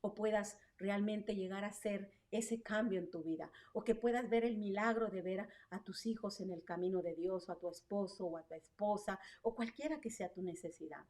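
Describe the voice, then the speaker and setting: A woman's voice: mid-range voice, moderate pace, few pauses, darkish tone, far from the mic. A woman preaching an online sermon with fervent energy, asking rhetorical questions and tagging her points with "¿verdad?". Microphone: online stream.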